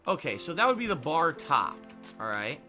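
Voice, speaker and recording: A man's voice: a little high, very animated, normal speed, pushed and bright, soft background music. A man streaming a game, venting in frustration with heavy swearing and repeating himself as he reads out viewer tips. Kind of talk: casual live-stream chat.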